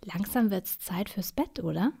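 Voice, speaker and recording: Woman doing a calm, busy mom. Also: medium pitch, a little slow, creaky, husky, exaggerated voice. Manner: calm, lightly distracted. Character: busy, friendly mother of a boy.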